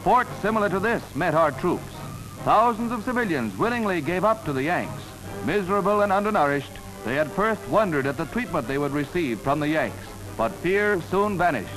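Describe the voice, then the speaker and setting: Man narrating an old newsreel, high lively voice. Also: rough recording. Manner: brisk, emphatic announcer delivery. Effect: old newsreel soundtrack. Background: loud music score.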